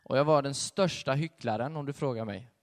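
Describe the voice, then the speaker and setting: A young man giving a sermon with a personal testimony, telling his story in a conversational, animated way. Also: medium pitch. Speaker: preacher. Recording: long hall reverb.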